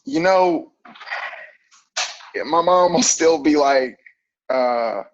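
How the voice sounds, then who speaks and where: A man's voice: fairly high pitch, slow pace, no room sound, lo-fi sound. A man in his thirties, a fitness coach, talking casually in an interview with lots of fillers and easy laughs. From grew up on military bases overseas. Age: 30s. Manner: relaxed, rambling, frequent fillers and laughs.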